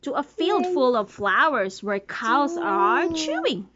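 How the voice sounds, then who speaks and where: Sitting on a bed in a small bedroom, a mother in her thirties reads a picture book to her toddler in a sing-song way, asking questions and counting along. Her high voice swings widely in pitch and moves slowly, captured in a dull lo-fi home recording with heavy background noise.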